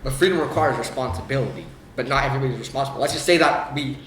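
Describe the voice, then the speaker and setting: A man's voice: medium pitch, racing, a bit bright. A young man chatting casually, slangy, blunt and full of opinions. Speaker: audio tour participant. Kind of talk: casual chat. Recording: roomy echo, music behind.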